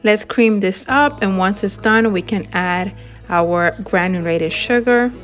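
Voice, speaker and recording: A woman narrating her home decorating and baking in a gentle, enthusiastic voice-over, walking through each step. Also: mid-range voice, measured pace, faint music behind. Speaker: home and cooking vlogger.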